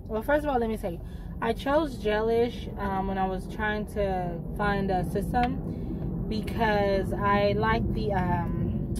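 Young woman w a hoarse raspy voice just chatting to her phone in the car, kinda rambly, bit of background noise. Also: mid-range voice, darkish tone, poor audio. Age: young adult. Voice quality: raspy, hoarse smoker-like rasp. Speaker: vlogger reviewing beauty products. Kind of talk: casual chat to camera. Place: inside a parked car.

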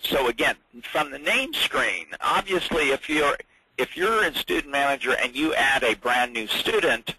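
A man training users in a software webinar, chatty and halting, with many fillers and restarts. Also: medium pitch, animated, breathy edge, low-quality recording. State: hiccups.

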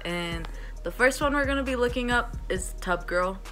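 A woman's voice: a little high, expressive, moderate pace, a bit bright, faint music behind. A teenage girl hosting a casual reaction vlog, giggly and easily spooked. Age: teens. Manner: giggly, easily spooked, shrieks and laughs at shocking things. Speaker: vlogger.

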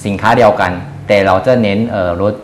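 A man in his thirties speaks with a fairly low voice, answering as an interview guest. He is hesitant and breaks his sentences with fillers and repeats. Some room noise sits behind him. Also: steady tone, roomy sound. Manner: hesitant, frequent filler pauses and repeated words. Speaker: company executive being interviewed. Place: small indoor showroom office. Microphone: lapel mic.

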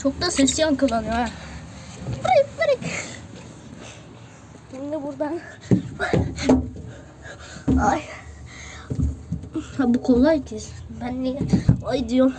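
High-voiced woman, voice echoing like in a cave. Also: big pitch swings, slow, long pauses. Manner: talks to viewers while playing. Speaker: video host. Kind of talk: chatty running commentary to viewers. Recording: loud background noise.

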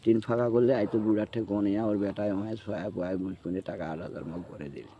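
Speaking fast in a lowish voice with fairly even intonation, a man recounts his own experience in rural northern Bengali dialect during casual chat. He acts out what people said and checks the listener is following, on a noisy, muffled field recording.

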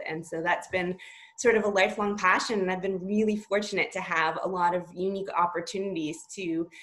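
Earnest woman from Toronto. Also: fairly low pitch. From Toronto, Canada. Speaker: panelist. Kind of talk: video call panel talk. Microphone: video call.

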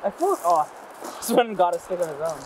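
A man's voice: sits high, brisk. A man on a camping trip chatting casually and joking outdoors, recorded on a camera mic. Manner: playful, joking. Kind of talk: casual chat. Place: outdoors at a lakeside campsite. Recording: noisy outdoor camera audio. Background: outdoor ambience, dog.

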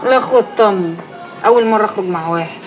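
A woman's voice: medium pitch, fast talker, lightly acted. An actress playing a poor young woman who speaks plainly and modestly in an Egyptian Arabic accent. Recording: film music behind.

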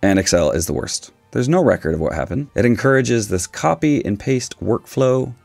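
A man in his forties with a raspy voice, giving a casual, opinionated explainer with dry humour. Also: medium pitch, lively intonation, moderate pace, darkish tone, no room sound, faint music behind. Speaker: video host, statistics teacher. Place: small dim indoor room, seated.

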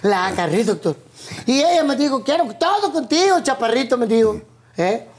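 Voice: medium pitch, sing-song, normal speed, lightly acted. A performer voicing a short, chubby, crude man who rambles and laughs through his own story to his doctor in a comedy sketch. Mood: boastful.

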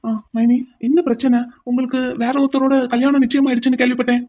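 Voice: high voice, level tone, fast, dark tone. A voice actor playing an insistent, pleading young man in a cartoon. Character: brash young man pining for his brother's sweetheart.

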